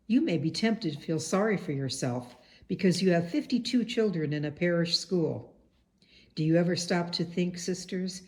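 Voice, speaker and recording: Woman audiobook narrator, lower-pitched, steady and earnest, reading a biography. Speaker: audiobook reader. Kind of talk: read-aloud biography narration.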